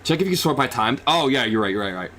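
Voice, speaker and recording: A young man reacting on a live stream, rambling and bursting into excited shouts. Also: medium pitch, quick pace.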